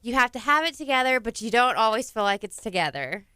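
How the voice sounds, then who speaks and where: Guest, thirties, Texan, laughs a lot, bright and clear, slightly high. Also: female voice, lively intonation, quick pace, no room sound, clean studio sound. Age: 30s. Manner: chatty, laughs often. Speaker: studio guest. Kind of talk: casual radio chat.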